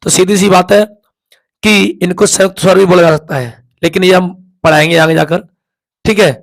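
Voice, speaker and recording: A Hindi teacher gives a classroom lesson at a board, sounding out vowels again and again and asking questions he then answers himself. His voice is high-pitched and gravelly, with fairly even intonation at a normal speed.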